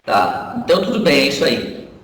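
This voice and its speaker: A man, a client in an online training call, heard as a distant remote voice over a choppy internet connection and giving loud, brief, casual replies. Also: medium pitch, big pitch swings, normal speed. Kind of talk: casual talk. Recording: echoey, far-off call audio with faint noise.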